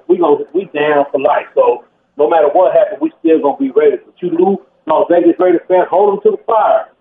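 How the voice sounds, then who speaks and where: A man calling a sports show by phone from just outside a bar, giving emphatic, repetitive, informal opinions. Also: fairly high pitch. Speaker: phone-in caller. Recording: roomy, noisy, muffled phone line.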